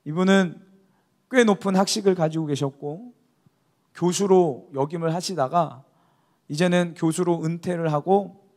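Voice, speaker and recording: A man's voice: on the high side, unhurried, a little mellow. A male pastor preaching a youth service sermon, exhorting the congregation and calling for amens. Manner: exhorting, calls for amen.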